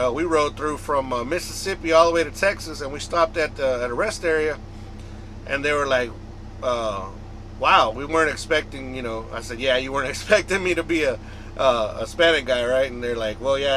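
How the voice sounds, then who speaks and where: This trucker vlogger from the United States talks to his audience in a loose, wandering way that keeps looping back over the same points. His voice sits at medium pitch, pushed and bright, on a rough recording with slight background noise.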